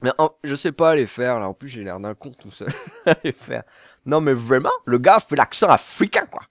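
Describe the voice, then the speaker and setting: A man's voice: mid-range voice, lively intonation, moderate pace, no room sound, clean studio sound. A young man from southern France answering viewer questions to camera in a casual, jokey way, laughing at his own jokes and stumbling over fillers.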